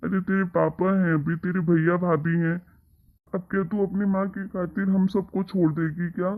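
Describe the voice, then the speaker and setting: A man voicing a gentle, affectionate elderly father in a cartoon story, talking in a soothing, coaxing way. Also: high-pitched, little pitch movement, normal speed. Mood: consoling. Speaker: father and grandfather. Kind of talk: Hindi cartoon moral-story voice acting. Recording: tinny phone-like sound.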